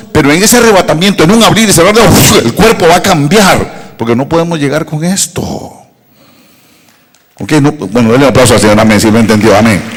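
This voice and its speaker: A middle-aged man from Rica, preaching a sermon with emphatic repeated rhetorical questions. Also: a little high. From Costa Rica. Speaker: pastor. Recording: echoey hall reverb.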